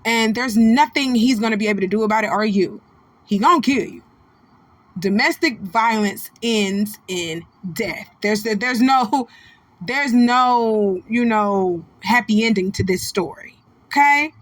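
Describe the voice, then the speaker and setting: An American woman with a fairly high-pitched voice hosts a gossip channel. She speaks casually and bluntly to her followers, full of slang and sass. She often repeats a phrase or draws it out to drive it home. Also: a little slow, dry recording. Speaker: host of a gossip video channel.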